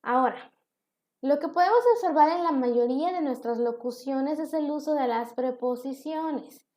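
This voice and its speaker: A woman gives a recorded online lecture, high in pitch and mellow in tone. She asks her students questions and answers them herself. Her voice carries a noticeable room echo from the computer microphone. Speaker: teacher.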